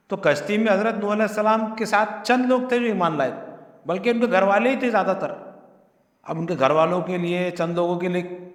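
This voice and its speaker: A man preaching a Quranic commentary in speech, earnest and emphatic, asking rhetorical questions. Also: high voice. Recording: echoey hall.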